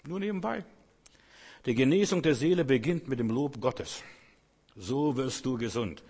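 A man's voice: mid-range voice, lively intonation, normal speed, darkish tone, slightly rough, big-room sound. A man preaching a sermon in German, fervently exhorting his listeners and speaking to them directly.

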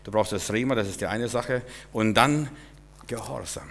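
A man preaching a sermon, swinging between loud exclamations and low, quiet asides. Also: moderate pace, vocal fry. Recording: long hall reverb.

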